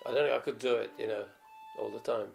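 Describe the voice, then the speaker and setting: An older man with a Turkish accent and a gravelly, creaky voice reminisces at an everyday pitch. He rambles through his stories in a documentary interview, full of fillers and restarts. Faint music plays softly behind him. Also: steady tone, fast talker. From Turkey. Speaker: professional viola player.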